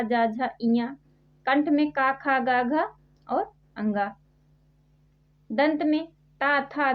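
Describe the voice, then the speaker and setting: A woman teaching a grammar quiz lesson, reading each question and answer twice and spelling out the sounds one by one. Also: high voice. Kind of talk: quiz-style exam prep lesson. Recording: dull lo-fi sound.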